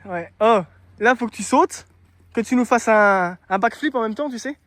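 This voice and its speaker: High-voiced man teasing outdoors. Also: normal speed. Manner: teasing, shouting encouragement, laughing often. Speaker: vlogger filming friends riding. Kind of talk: casual outdoor banter. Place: outdoors on a steep dirt hill.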